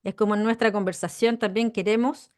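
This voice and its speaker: A woman co-hosting a podcast, explaining ideas in an animated conversational way and stressing key words. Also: mid-range voice, brisk, no echo, studio quality. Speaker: podcast co-host.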